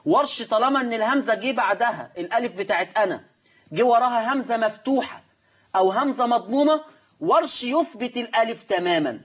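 A man with an Egyptian Arabic accent teaches recitation at a board, asking the class questions and answering them himself. His voice sits high and a little husky, and he talks fast. The lo-fi recording sounds dull. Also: expressive, a bit bright.

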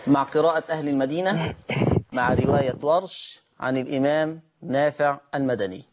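An Egyptian man teaches Quran recitation as host of the lesson. He opens with slow, melodic chanting and then explains recitation rules in quick, plain talk, with a middle-pitched voice. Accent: Egyptian Arabic.

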